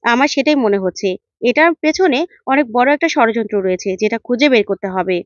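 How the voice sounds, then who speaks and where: A woman voicing a sharp young woman investigator who questions and scolds sternly, in a dull, dry recording. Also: fairly high pitch, expressive, a little fast, no echo, natural voice.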